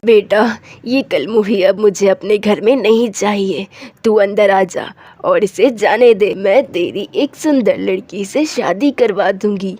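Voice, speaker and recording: A bossy, clinging mother-in-law from a cartoon, played by a woman. She speaks lower than the narrator in a mellow tone. The recording is dry. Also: unhurried, dry recording, close to an everyday voice. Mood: pleading. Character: domineering older mother-in-law.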